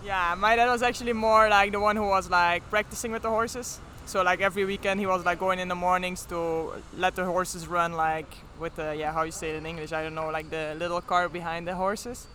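A woman's voice: on the low side, steady tone, brisk, hardly any pauses, a bit bright, a little hiss or hum. Flemish-accented young woman chatting casually. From Belgium, near Ghent. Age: 20s. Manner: frequent "like" as filler, informal. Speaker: professional basketball player being interviewed. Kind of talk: casual interview chat.

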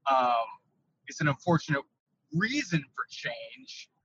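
A man speaking as a podcast guest from inside his truck, his voice carrying a windy, tunnel-like sound. He talks haltingly and often repeats words while he thinks. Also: a little high, very animated, fairly bright tone. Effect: windy, tunnel-like truck-cab sound. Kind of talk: casual interview over a call. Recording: muffled windy truck-cab recording.

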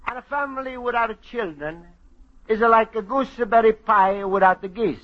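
A man's voice: sits high, moderate pace, natural voice. An actor playing a cheerful Italian immigrant man who writes home to his mother, speaking broken English with an Italian accent and a giggly, sentimental manner, in a 1940s-style radio comedy. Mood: fond. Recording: dull old radio broadcast.

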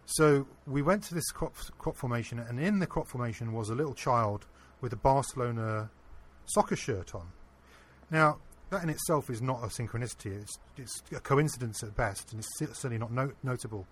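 Husky-voiced man telling a story. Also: medium pitch, fairly quick. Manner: earnest, animated anecdote-telling. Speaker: interview guest. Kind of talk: casual storytelling.

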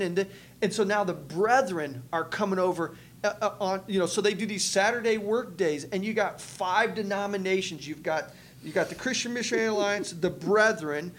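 A man co-hosting a faith podcast, telling a story in casual chat, animated and acting out what people said, with many restarts. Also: sits high. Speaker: podcast co-host, church multiplication leader.

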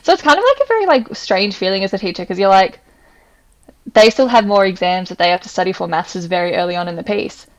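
A young Australian woman who teaches, co-hosting a casual chat podcast, talking fast and loose with lots of "like" fillers and laughs. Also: mid-range voice, lively intonation, dull audio.

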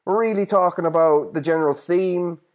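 A man's voice: high voice, normal speed. A man with a North Kerry Irish accent hosting a music podcast, talking casually with irreverent, sweary slang. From North Kerry, Ireland. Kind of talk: casual solo podcast talk.

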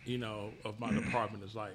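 A man's voice: fairly low pitch, level tone, fairly quick, a little hiss or hum. A man co-hosting a podcast, telling a work story in casual chat and swearing freely. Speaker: podcast co-host.

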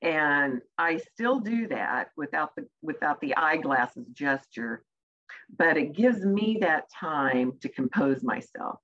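Answering interview questions, a woman who coaches executives on communication speaks softly yet animatedly in a low-pitched voice. She is measured and pauses on purpose, and the sound is lo-fi.

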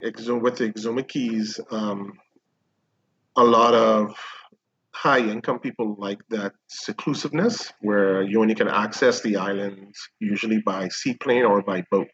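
A Bahamian man in his fifties, a real estate agent answering interview questions in a measured, explanatory way with frequent ums. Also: lowish voice, steady tone, a bit bright, slightly rough, highs cut off. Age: 50s. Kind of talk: remote interview.

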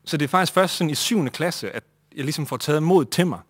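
A man telling a comic story to a live audience in an animated way, acting out the people in it. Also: fairly high pitch, husky, no echo.

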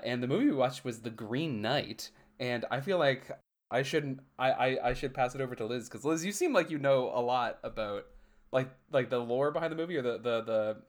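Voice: mid-range voice, normal speed. Rambling, self-mocking podcast host. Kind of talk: casual podcast chat.

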